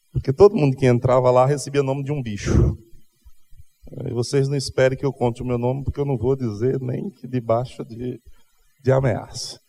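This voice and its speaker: A man preaching a sermon in church, asking the congregation questions and telling a personal story, his delivery swinging from loud calls to quiet moments. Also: mid-range voice. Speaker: pastor. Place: church service.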